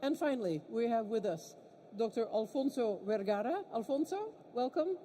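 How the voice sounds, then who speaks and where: A woman's voice: fairly high pitch, animated, moderate pace, warm tone, slight background noise. A woman hosting a conference, introducing the panelists in an upbeat, friendly way. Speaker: conference host. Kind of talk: stage introductions.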